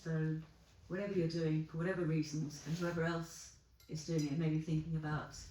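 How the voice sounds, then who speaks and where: Low-voiced hesitant woman with many ums. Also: level tone, normal speed. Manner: hesitant, warm, full of ums. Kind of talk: closing remarks. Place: festival venue. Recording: echoey room, faint noise.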